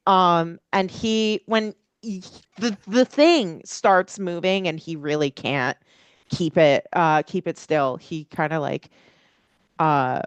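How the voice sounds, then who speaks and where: A woman narrates a tabletop game as game master in a fairly low, clear voice. She builds descriptions hesitantly, improvising as she goes. The recording is dry and close. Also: takes it slowly, no echo.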